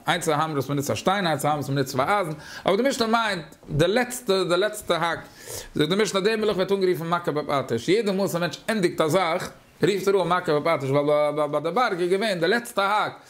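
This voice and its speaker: A man with a Yiddish accent teaching a Talmud class, talking haltingly, repeating words and using many fillers. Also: a little high.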